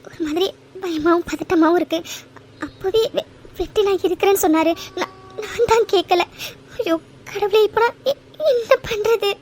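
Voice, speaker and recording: Woman voicing a young cartoon office girl, high voice, stern and curt, faint hum behind. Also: fast talker, lightly acted. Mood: anxious. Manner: stern and dismissive when confronted. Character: young woman office worker, firm but frightened. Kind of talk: cartoon voice acting.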